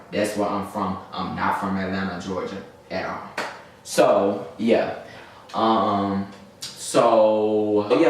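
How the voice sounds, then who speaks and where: In a very echoey room with a distant mic and faint noise, a young man from Birmingham, Alabama, chats to camera as a vlogger. His Southern US accent carries a slangy, rambling story-time style that drifts easily. His pitch is fairly low and his tone fairly bright.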